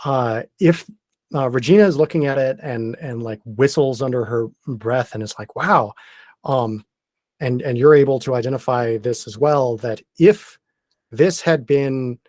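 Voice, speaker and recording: A man acting as game master, explaining the rules step by step in a halting way. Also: mid-range voice, a little mellow, dry recording. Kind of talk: narrating a tabletop game.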